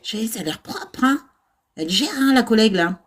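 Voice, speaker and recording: A middle-aged woman chats loosely on a livestream from her old house, her voice sitting a little high. She rambles, laughs at herself and fills her talk with hesitations as she speaks to her viewers. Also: animated, fairly quick. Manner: chatty, laughing, self-mocking, many fillers. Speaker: nursing-assistant VAE coach and livestream host. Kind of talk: casual livestream chat with viewers. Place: old house without air conditioning.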